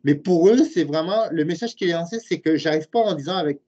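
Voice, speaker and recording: With a fairly high, mellow voice and a fairly quick delivery, this late-forties man speaks in a Québécois French accent. He's a university program director and professor answering webinar questions, earnestly explaining his views and thinking aloud. The web call audio is muffled and lo-fi.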